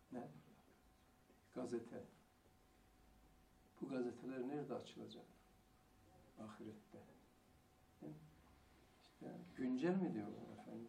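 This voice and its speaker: A man giving a religious lecture, asking rhetorical questions and answering them himself, and stressing single words slowly. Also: mid-range voice, gravelly, warm tone. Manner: slow, deliberate emphasis on single words. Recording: echoey room, mic far off, faint hiss.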